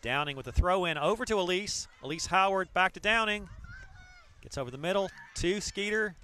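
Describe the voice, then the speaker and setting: A man calling a high school soccer match play by play, getting louder and faster as the action builds. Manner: excitable, voice rising to shouts on big plays. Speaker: play-by-play announcer. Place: outdoors at a soccer field.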